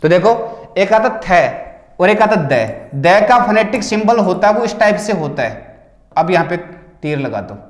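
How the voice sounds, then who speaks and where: Guy teaching, high voice, keeps asking and answering his own questions, roomy echo. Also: big pitch swings, a little slow. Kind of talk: exam paper solution lecture.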